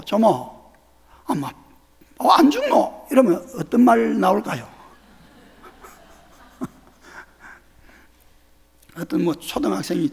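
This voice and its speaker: A pastor from Geoje Island with a Gyeongsang accent, preaching a sermon in a church sanctuary with animated questions to the congregation. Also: male voice, high voice, gravelly, slightly rough. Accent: Gyeongsang Korean. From Geoje Island, South Korea. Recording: long church hall reverb.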